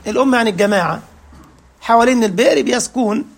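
A man's voice: very high-pitched, racing, vocal fry. A man with an Egyptian Arabic accent preaching, interpreting verses with rhetorical questions and joking asides. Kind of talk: sermon with Quran recitation.

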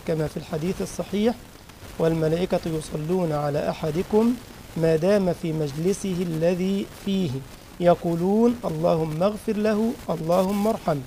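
A man with an Egyptian Arabic accent giving a mosque lesson, explaining a religious text and quizzing listeners with lively rhetorical questions. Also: high-pitched, gravelly, a little hiss or hum, poor audio. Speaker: religious teacher.

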